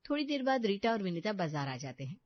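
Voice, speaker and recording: A woman's voice: medium pitch, sing-song, fast, no room sound. Woman narrating a family story, dry lo-fi. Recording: dull lo-fi dry recording.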